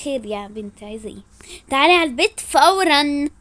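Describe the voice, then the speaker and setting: A woman with an Egyptian accent voices a home-made story. Her voice sits high and swings widely in pitch. She chats quickly and drops into whispered asides. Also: expressive, no room sound. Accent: Egyptian Arabic. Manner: quick colloquial chat with hushed whispered asides. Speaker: storyteller voicing all characters.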